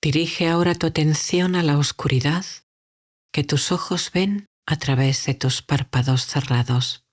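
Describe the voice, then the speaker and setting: A woman with a deep, low voice leads a guided meditation. She speaks very slowly and softly, leaving long calm pauses between her phrases.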